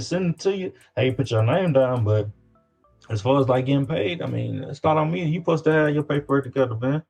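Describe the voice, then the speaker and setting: An interview guest from Louisiana, who works as an independent music artist, speaks casually with a Southern US accent, using slang and repetition for emphasis. His voice is medium-pitched, gravelly and a little mellow, heard through dull, lo-fi audio.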